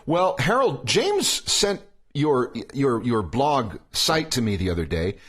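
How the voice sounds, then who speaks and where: A male podcast host reads out the guest's introduction and then asks his questions in a rambling, hedging way. His voice is husky and breathy, and his pitch moves around a lot. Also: big pitch swings, takes it slowly, a bit bright. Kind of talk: casual interview questions.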